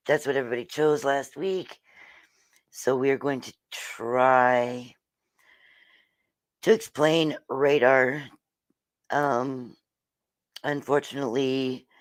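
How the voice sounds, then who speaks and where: Slightly hoarse weather host talking real slow on a stream, lots of ums, dry close sound. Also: medium pitch, no echo. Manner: slow, halting, frequent ums and throat clearing. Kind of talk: casual livestream explainer.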